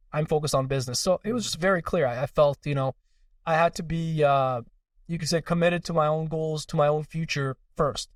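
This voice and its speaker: A young man from Iran talks quickly and earnestly as a podcast guest, leaning on fillers as he tells his story. His voice sits a bit high, and he sounds a little away from the mic in a dry, dead room. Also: no room sound, far from the mic. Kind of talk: casual interview conversation.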